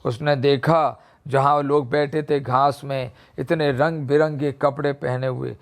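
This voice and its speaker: Slow, gravelly male teacher. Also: mid-range voice. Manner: reads the text aloud slowly, then explains each part in a lively, emphatic way. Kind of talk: explaining a textbook story to students.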